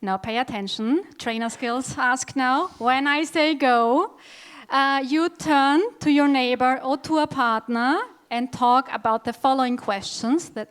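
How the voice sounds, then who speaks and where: A woman moderating a conference, giving clear instructions to the audience. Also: high voice.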